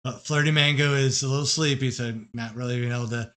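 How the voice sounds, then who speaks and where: A man's voice: medium pitch, fairly even intonation, fast, sharp tone. A man hosting a live art stream, greeting viewers from the chat and joking casually. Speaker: stream host reading the chat.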